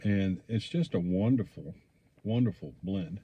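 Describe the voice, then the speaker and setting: A man giving a casual, rambling product review, speaking in a hesitant, unhurried way as he thinks aloud. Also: low-pitched, lively intonation, breathy edge, muffled recording. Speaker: pipe tobacco reviewer.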